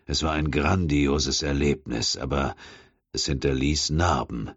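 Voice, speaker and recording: A man voicing a calm, coldly polite male villain in an audiobook, speaking slowly and measured. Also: extremely low pitch, slightly rough, dry recording, lo-fi sound, exaggerated voice. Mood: coolly menacing.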